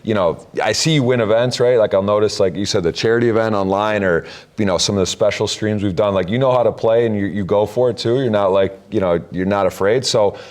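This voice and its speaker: A man's voice: fairly low pitch, brisk. A man hosting a podcast, asking loose, chatty questions in a casual interview style. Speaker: podcast host.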